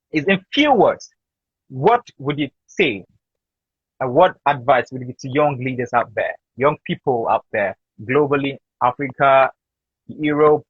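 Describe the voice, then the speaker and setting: Male host, grateful and effusive, husky voice, muffled dry call sound. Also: mid-range voice, no room sound. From Nigeria. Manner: effusive, thanks the guest again and again. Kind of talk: live online interview.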